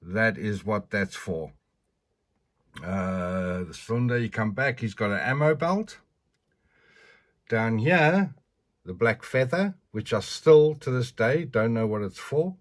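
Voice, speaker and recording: A man's voice: fairly low pitch, animated, slow pace. An older man with missing teeth and slightly slurred consonants, giving a casual, chatty, rambling show-and-tell as a collector. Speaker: figure collector presenting a review.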